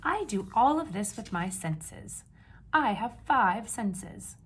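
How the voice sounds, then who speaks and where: In an animated, medium-pitched voice with a touch of brightness, a woman teaches young children through a picture book, leaning on key words. She asks simple questions, pauses, then confirms the answers, while a little hiss or hum sits underneath.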